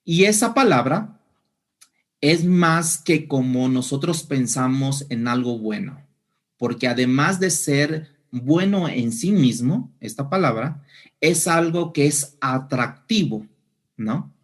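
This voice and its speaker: A man's voice: medium pitch, animated, slow. A man preaching a sermon, explaining scripture and asking the congregation questions. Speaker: pastor.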